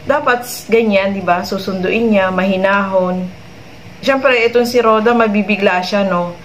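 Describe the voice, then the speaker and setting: A woman's voice: mid-range voice, a little slow, slight background noise, low-quality recording. A woman hosting a vlog, giving chatty commentary to her viewers and ending many remarks with tag questions. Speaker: vlog host commenting on a clip.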